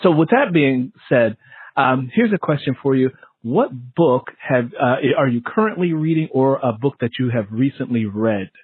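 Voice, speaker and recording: A husky, medium-pitched man hosts an interview in an expressive, conversational way at a moderate pace, often repeating and restating his phrases. The recording is lo-fi and muffled, like radio heard over a phone.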